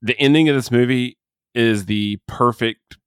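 A man's voice: medium pitch, unhurried, clean tone, no room sound, studio quality. A man chatting casually about a movie he just watched, rambling and cutting himself off, with the hiccups. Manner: rambling, self-interrupting, candid. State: has the hiccups. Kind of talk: casual movie review chat.

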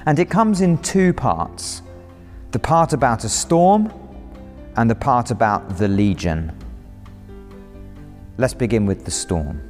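A man's voice: mid-range voice, lively intonation, slow pace, long pauses, a little mellow. A man preaching a sermon, retelling a story vividly and dramatically. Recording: reverberant hall, faint music.

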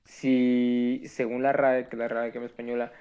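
A man's voice: mid-range voice, flat delivery, a little slow, dark tone, smooth, lo-fi sound. A young Mexican man co-hosting a podcast, explaining things in casual, slangy chat. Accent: Mexican Spanish. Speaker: podcast co-host.

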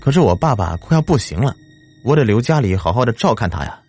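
A man's voice: fairly low pitch, animated, moderate pace. A man voicing an impatient young man who works at a funeral home, speaking brashly in an audio story. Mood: pleading. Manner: brash, slightly irritable.

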